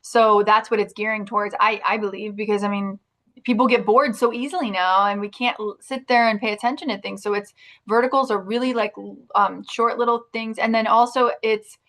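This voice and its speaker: A woman's voice: mid-range voice, steady tone, brisk, a bit bright. A woman, an actress, talking about her work in a casual interview, in a chatty way with many restarts. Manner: chatty, frequent restarts and fillers like "like".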